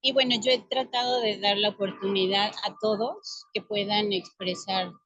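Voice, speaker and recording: A woman, a preschool teacher, speaking softly and hesitantly with many fillers on a video call. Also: mid-range voice, no echo, rough recording. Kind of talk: online forum comment.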